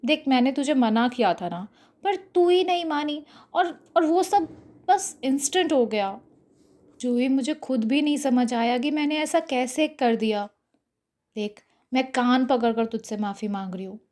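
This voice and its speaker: A woman's voice: high-pitched, lively intonation, unhurried, a little mellow. A woman narrator voicing a proud, impulsive young woman heroine with a pleading, flustered way of talking. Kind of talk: audio story character voice.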